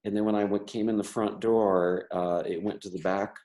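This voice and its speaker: A man's voice: on the low side, steady tone, normal speed, dark tone. A man who stutters, an artist and teacher talking casually in an interview, with many restarts and repeated words. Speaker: member artist.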